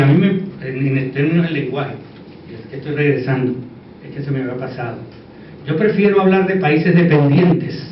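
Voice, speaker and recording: Echoey, distant Puerto Rican man lecturing informally. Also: a little high. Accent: Puerto Rican Spanish. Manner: conversational, repeats words for emphasis, seeks agreement. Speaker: conference speaker. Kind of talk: informal conference lecture with asides. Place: echoey indoor conference room. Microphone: distant microphone. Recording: echoey room, distant dull mic, faint noise.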